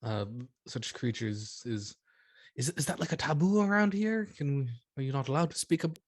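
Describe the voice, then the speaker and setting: A man playing a tabletop game, speaking politely in character to a shopkeeper. He stops and restarts often, in a voice of middling pitch. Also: lively intonation, dry recording. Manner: halting, polite in-character speech. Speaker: player.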